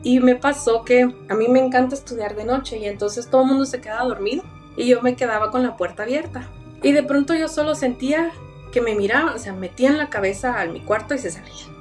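Young woman, earnest halting storyteller, a little off-mic, soft music under. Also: fairly high pitch. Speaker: guest telling a personal story. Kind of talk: personal paranormal testimony. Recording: voice a bit far from the mic, faint music behind.

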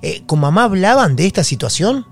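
A man with an Argentine Rioplatense accent hosting a podcast, reacting with short excited exclamations. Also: high voice, brisk, husky, soft background music. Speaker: podcast host. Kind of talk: interview.

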